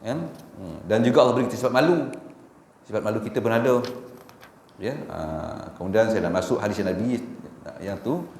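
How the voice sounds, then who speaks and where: A middle-aged Malaysian Malay man gives a dawn lecture in a mosque hall, his low voice ringing in the room. He talks to the congregation in a chatty way, checking with them often, and lifts into a slow chant for Arabic quotations. A faint hum of the hall sits behind him. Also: animated, vocal fry, a little mellow. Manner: conversational, often asks the audience "kan?" and laughs. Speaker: religious teacher.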